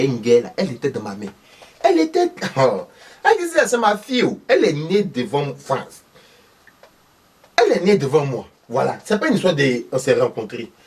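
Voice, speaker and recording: Comedy role: a man playing a husky, fiery older Ivorian mother, high and very lively, from a distant mic. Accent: Ivorian French. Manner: loud, insistent, exclaiming.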